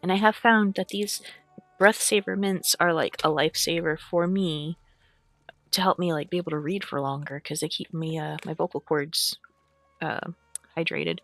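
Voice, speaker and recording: A VTuber who reads lore books talks casually to chat with plenty of fillers and throat clearing, then reads from a fantasy book, all while suffering from the hiccups. The medium-pitched voice has a steady tone, a moderate pace, and a slight brightness, on a dry recording with soft music in the background.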